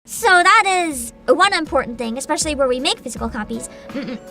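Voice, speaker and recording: A young vtuber streamer with a high voice talks a little fast, casually answering chat questions over faint background music. She's giggly and animated, laughing and restarting often, and playfully boasts like a mock CEO.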